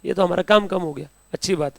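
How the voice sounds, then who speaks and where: Guy teaching in a classroom, fairly high voice, dry sound. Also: fast, gravelly, dry recording. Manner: chatty, teasing, calls students beta and munna. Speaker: accounting teacher. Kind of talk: live classroom lecture.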